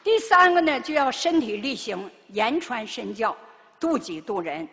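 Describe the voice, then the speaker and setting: A woman's voice: a little high, very animated, a little slow, a bit bright, a little hiss or hum. An older woman giving a Buddhist dharma talk as lay teacher, pressing listeners with rhetorical questions. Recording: reverberant hall.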